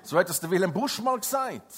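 A middle-aged man preaching a sermon as an evangelist, emphatic, swinging between loud stresses and quiet, intimate passages. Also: high-pitched, sing-song, brisk, slightly rough.

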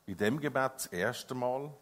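A middle-aged man preaching a sermon as an evangelist, emphatic, swinging between loud stresses and quiet, intimate passages. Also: mid-range voice, measured pace.

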